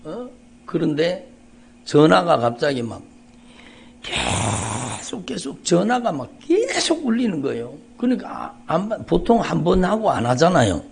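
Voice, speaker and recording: A middle-aged man, a pastor giving an emotional testimony in a dawn sermon, repeating phrases and swinging between quiet and loud. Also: a little high, very animated, measured pace, creaky, husky. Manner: emotional, repetitive, rising and falling intensity. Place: church sanctuary.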